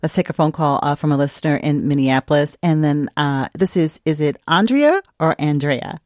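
A woman's voice: low-pitched, level tone, a little fast, a little mellow, no room sound, clean studio sound. A woman hosting a radio talk show, speaking in a conversational, hesitant way.

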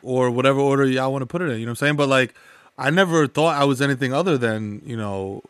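This guest speaks fast in a smooth, fairly bright medium-pitched voice, recorded without echo. He's a thirty- or forty-something man from the Bronx whose first language is Spanish, and his New York-accented talk in this casual interview is loaded with slang, fillers, and frequent laughter.

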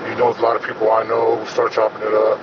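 Disguised deep male voice, muffled noisy recording. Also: monotone, fast talker, far from the mic. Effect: voice altered to hide identity. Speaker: police informant being questioned. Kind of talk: casual recorded interview, street slang. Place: inside a parked minivan.

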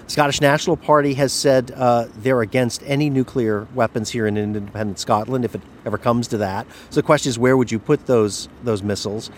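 A man's voice: mid-range voice, fairly even intonation, fairly quick, hardly any pauses, a little hiss or hum. Male correspondent explaining in conversation. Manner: conversational, explanatory with small restarts. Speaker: radio correspondent. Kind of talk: reported news conversation.

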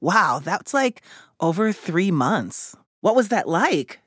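A woman hosting a children's podcast, chatting and asking questions in a lively way. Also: lowish voice, takes it slowly, breathy edge, no echo, clean studio sound. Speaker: podcast host. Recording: music behind the voice.

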